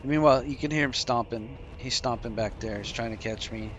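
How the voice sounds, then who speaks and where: Tired guy streaming a game, mid-pitch voice, talking through his moves, faint hum behind. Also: brisk. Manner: relaxed, explaining while playing, yawning. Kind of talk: casual gameplay commentary. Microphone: desk microphone.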